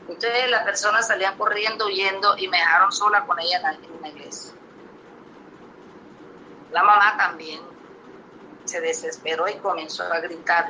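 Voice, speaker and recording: A woman preacher tells a testimony to her congregation in an emphatic storytelling manner. Her voice is extremely bright and piercing, at a middle pitch. She keeps checking in with the listeners through rhetorical questions. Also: slight background noise, poor audio. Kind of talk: testimonial sermon.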